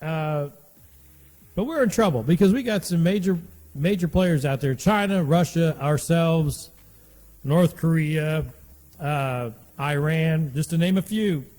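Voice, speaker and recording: A man's voice: fairly high pitch, a little slow, a little mellow, in a large hall. A man in his late fifties hosting a casual monologue podcast, rambling and repeating himself in a folksy way. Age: 50s. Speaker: podcast host.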